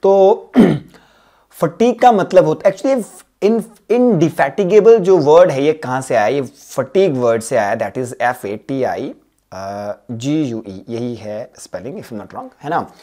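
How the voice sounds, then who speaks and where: A man's voice: mid-range voice, expressive, slow, warm tone. Man teaching spelling, chatty repetitive. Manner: switches between Hindi and English mid-sentence; repeats words and spells them letter by letter. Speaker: English teacher. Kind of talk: exam-prep spelling lesson.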